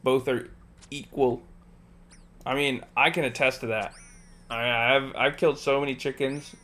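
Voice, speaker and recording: Bright and forceful, with a steady mid-range voice, a man unhurriedly guides a friend through a game on his livestream. He patiently repeats each instruction and jokes and laughs between steps.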